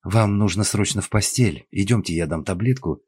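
A man voicing a dignified older woman in an audiobook, indignant and worried, with a husky voice. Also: lowish voice, moderate pace, darkish tone, dry recording, clean studio sound.

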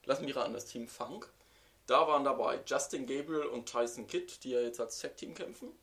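A man's voice: medium pitch, a little fast, a bit bright. A man co-hosting a casual podcast chat, recounting events with dry, teasing banter. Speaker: podcast co-host. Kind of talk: casual wrestling review chat.

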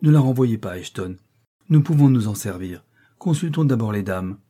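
A man's voice: lowish voice, animated, normal speed, dark tone, breathy edge. A man voicing a hearty, declaiming army colonel in a storybook reading.

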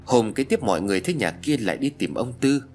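A man narrating a first-person ghost story in an expressive reading. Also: mid-range voice, fast talker, faint music behind.

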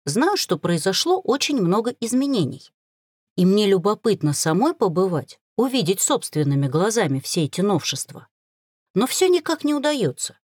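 Female audiobook narrator, animated first-person storytelling, dry booth sound. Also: medium pitch, moderate pace, slightly rough, no room sound. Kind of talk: first-person novel reading.

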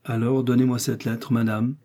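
A man's voice: medium pitch, little pitch movement, normal speed, dark tone, close to an everyday voice. A man reading the part of an embarrassed royal chancellor, formal and insistent.

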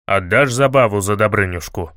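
A man voicing a gruff older warrior who speaks bluntly in an audiobook. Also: on the low side, normal speed, a bit bright, dry recording, clean studio sound, pitched below the performer's own voice, close to an everyday voice.

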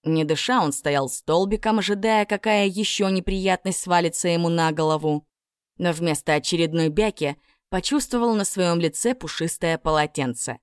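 A woman narrating a fairy tale audiobook in a lively, expressive way. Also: fairly low pitch, moderate pace, clear, resonant tone, dry recording, clean studio sound.

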